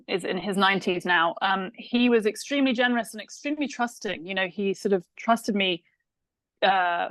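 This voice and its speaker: An English film director with an English accent answers interview questions thoughtfully, using many fillers and restarts. Her voice is mid-range and fairly bright, and the recording is dry with poor audio.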